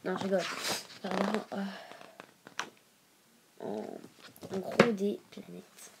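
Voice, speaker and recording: This woman speaks at a medium pitch in a level, slow, creaky voice, with heavy noise in the background. Stuffed up with a cold, the video host reads aloud for her casual educational clip and stumbles over long words, filling the gaps with informal asides.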